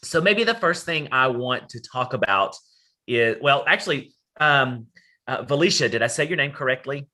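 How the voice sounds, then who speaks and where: A man's voice: mid-range voice, lively intonation, moderate pace, sharp tone. A man with a Southern Appalachian accent giving an informal online talk, discursive, mixing folksy and academic phrasing. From Southern Appalachia, United States. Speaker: academic presenter, college dean. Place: at home, on a video call.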